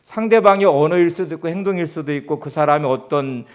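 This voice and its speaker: A male pastor delivering a Sunday sermon in a calm, explanatory way, voicing the listener's inner questions as he teaches. His voice sits a little higher than most men's. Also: fast. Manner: calm, explanatory preaching with rhetorical self-questions.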